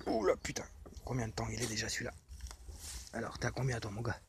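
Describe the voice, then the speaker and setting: A man, a paranormal investigator speaking halting, stammering words to spirits outdoors during a ghost hunt. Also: medium pitch, slight background noise. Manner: halting, stammering, restarts often.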